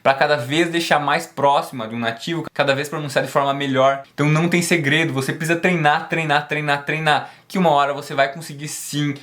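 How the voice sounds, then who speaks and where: Man, fairly high voice, emphatic language teacher who repeats and drills each word. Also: steady tone, fairly bright tone. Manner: drills words slowly and repeats them; emphatic, encouraging. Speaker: English teacher. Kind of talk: online language lesson.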